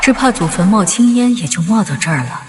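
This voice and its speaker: An actress as a calm dignified young noblewoman. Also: medium pitch, a little fast, lightly acted. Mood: quiet. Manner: calm, cutting. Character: calm, dignified adopted daughter, young woman. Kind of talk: costume drama acting.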